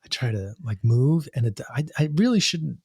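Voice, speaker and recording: A middle-aged man, a singer-songwriter guest on a podcast, telling his story with animated delivery, frequent laughs and imitated sounds. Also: medium pitch, moderate pace, breathy edge, no echo, clean studio sound.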